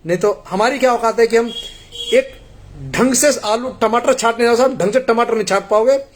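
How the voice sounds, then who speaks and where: Earnest high-voiced man pleading with congregation. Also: moderate pace. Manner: earnest, pleading, tells parables. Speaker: devotee addressing the congregation. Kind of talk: devotional appeal.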